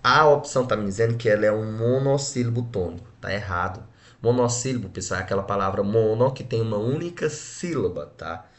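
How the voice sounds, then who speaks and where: This Brazilian teacher has a low-leaning voice, lively intonation, and a fairly quick pace. In his exam-prep grammar lesson, delivered with a Brazilian Portuguese accent, he sounds words out syllable by syllable and tosses in short tag questions to check on students.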